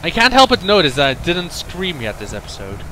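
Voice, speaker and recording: A man's voice: on the high side, huge pitch swings, brisk, pushed and bright, soft background music, rough recording. A man commentating a horror game, screaming, swearing and laughing nervously. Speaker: gamer playing a horror game. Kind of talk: let's play commentary.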